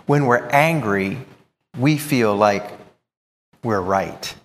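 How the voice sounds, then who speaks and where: A man preaching a sermon, emphatic and expressive, explaining scripture with thoughtful asides. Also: on the low side, slow, big-room sound.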